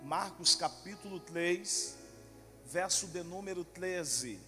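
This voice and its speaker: Lisping Brazilian preacher in a reverberant church. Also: male voice, sits high, expressive, sharp tone. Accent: Brazilian Portuguese. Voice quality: tongue-tied lisp, slushy s sounds. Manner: emphatic, deliberate, repeats phrases. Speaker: guest preacher. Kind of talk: sermon, addressing a congregation. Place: large echoey church. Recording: long hall reverb, music behind.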